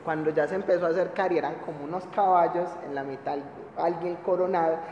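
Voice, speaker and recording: Excited man telling a dream in an echoey hall. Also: a little high, quick pace, muffled recording, a little hiss or hum. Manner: eager, excited storytelling with stammered starts. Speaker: congregation member.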